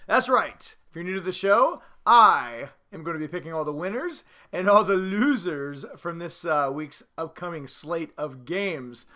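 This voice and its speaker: A man hosting a sports picks show with casual, animated commentary and sarcastic, mock-exasperated ranting. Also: a little high, a little slow, hardly any pauses.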